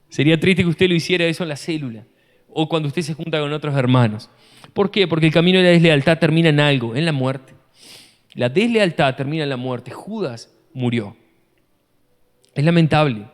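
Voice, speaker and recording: A man, a pastor preaching an animated sermon full of rhetorical questions, recorded in a church hall. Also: fairly high pitch. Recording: long church-hall reverb.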